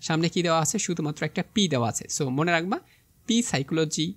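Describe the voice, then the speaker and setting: A man's voice: fairly high pitch, very fast, a bit bright. A young man with a Bangladeshi Bengali accent teaching an exam vocabulary lesson, spelling words out step by step and checking in with his students often.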